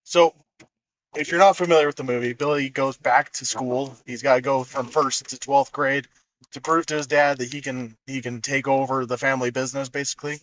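A man's voice: medium pitch, steady tone, brisk, a bit bright, highs cut off, slight background noise. A man hosting a podcast in casual chat, rambling with many fillers and acting out movie quotes. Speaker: podcast host.

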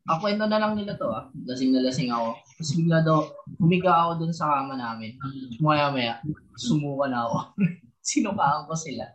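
A man's voice: a little high, animated, normal speed, a bit bright. A young man telling a story in a casual podcast chat, laughing often. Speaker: podcast co-host. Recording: muffled lo-fi audio.

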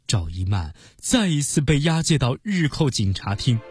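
Lively man telling a children's story. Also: medium pitch, normal speed, breathy edge, no room sound, studio quality, faint music behind. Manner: expressive, lively narration.

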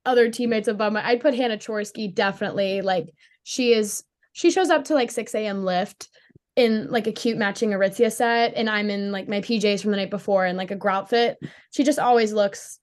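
Speaking fairly quickly in a mid-range voice, a young Pittsburgh woman chats as a guest in a relaxed interview. She plays hockey in college, sounds bubbly, and fills her speech with "like."

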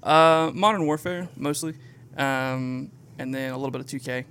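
A man co-hosting a podcast in a relaxed, casual chat, with lots of filler words and frequent laughter. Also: medium pitch, moderate pace, clear, resonant tone. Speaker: podcast co-host.

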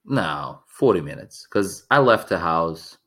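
A man co-hosting a casual podcast chat, telling stories with enthusiasm and still getting back a voice lost from yelling. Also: low-pitched, big pitch swings, slow. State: recovering a lost voice. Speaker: podcast co-host.

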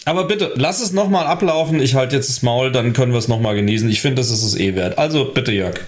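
A man's voice: mid-range voice, fast talker, a little hiss or hum. A man chatting casually as a sports fan on a talk show panel.

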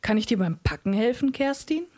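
Nervous awkward man, played by a woman reader, halting, high tense voice. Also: expressive, warm tone. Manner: hesitant, halting. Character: nervous awkward man trying to evict guest.

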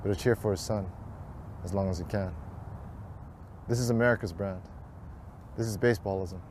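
A man reciting a rhyming ad in a steady, rhythmic cadence, with a lowish voice. Faint street sounds and vehicles sit behind him. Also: normal speed, slight background noise. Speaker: ad narrator. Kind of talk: rhyming scripted ad narration.

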